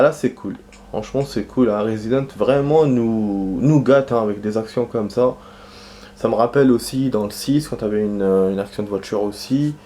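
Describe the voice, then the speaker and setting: Mellow low-voiced man rambling through gameplay. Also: a little hiss or hum. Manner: rambling, hesitant, lots of fillers and restarts. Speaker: gaming commentator. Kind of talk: casual let's-play commentary.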